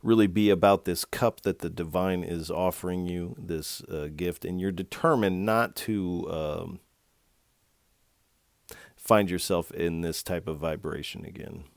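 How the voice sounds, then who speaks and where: A man with a very low voice gives a tarot card reading. He speaks gently and reflectively, addressing the listener directly. The sound is dry and close, with no room echo. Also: steady tone, measured pace, vocal fry. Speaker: tarot reader.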